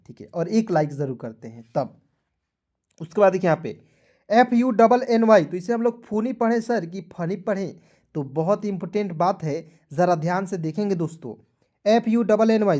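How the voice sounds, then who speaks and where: A man's voice: high-pitched, darkish tone. Man spelling out English words. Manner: spells words letter by letter, asks viewers to comment. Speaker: English teacher. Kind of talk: Hindi-language English spelling lesson.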